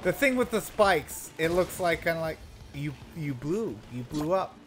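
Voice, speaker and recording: A player in casual let's-play banter, jokey and excitable, stammering into restarts and breaking into shouted outbursts. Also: medium pitch, moderate pace. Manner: stammering restarts and trailing fillers. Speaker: co-op game player.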